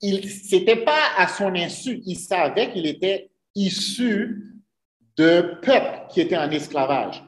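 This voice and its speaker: Preaching slowly and expressively in a voice that sits high, this man earnestly addresses his congregation and keeps putting rhetorical questions to them. The recording carries the echo of the church sanctuary.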